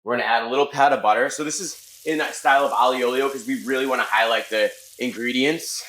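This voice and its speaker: A middle-aged American man, a chef, explaining his cooking in a casual, halting conversational way. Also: medium pitch, steady tone, bright, forceful tone. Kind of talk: casual cooking demonstration and chat. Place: restaurant kitchen. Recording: echoey kitchen room sound.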